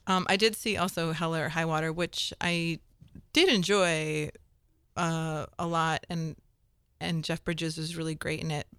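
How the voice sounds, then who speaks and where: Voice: medium pitch, fairly even intonation, a little slow, a bit bright, clean tone, no room sound. A co-host in a casual film chat, chatty with a dry sense of humor. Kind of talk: casual chat about films.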